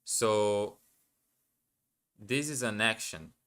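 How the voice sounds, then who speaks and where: Streaming live while studying a language, a man whose first language is Portuguese thinks aloud, hesitating and correcting himself as he goes. His voice is lowish and very slow, with a fairly bright, clear and resonant tone.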